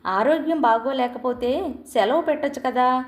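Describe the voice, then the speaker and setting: Woman doing a caring boss guy, gently pushy, bit high, echoey room. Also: moderate pace, natural voice. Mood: firm, caring. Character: man, office boss, caring but firm. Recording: roomy echo.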